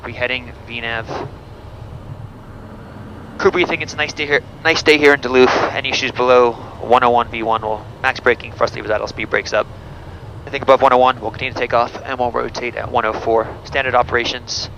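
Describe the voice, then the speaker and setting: A man's voice: medium pitch, steady tone, a little fast, gravelly, fairly bright tone. A man flying as pilot, giving terse, clipped checklist callouts over a cockpit headset intercom. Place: jet cockpit. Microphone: headset mic. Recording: muffled cockpit headset audio with engine noise. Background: engine and cockpit noise.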